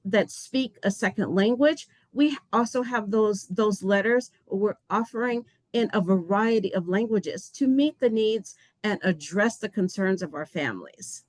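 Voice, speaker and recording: An agency official gives heartfelt welcome remarks at a webinar, speaking earnestly and passionately at a measured pace with hardly any pauses. Her mid-range voice is recorded with no echo, and she often loses her place and starts over.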